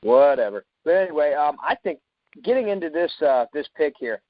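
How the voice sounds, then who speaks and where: Man, sports talk, fairly high voice, joking, filler-heavy, lo-fi. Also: lively intonation, fairly quick, no room sound.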